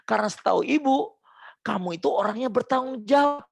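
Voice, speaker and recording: A man's voice: sits high, big pitch swings, rapid-fire, voice pushed up. A man voicing a worried mother who scolds her teenage child in an earnest, pleading way. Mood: concerned.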